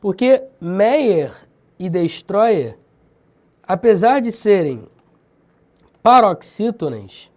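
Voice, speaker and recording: A man with a Brazilian accent teaching grammar in a video lesson, lively and slangy, drilling example words with emphasis. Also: high voice, very slow, pauses often. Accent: Brazilian Portuguese.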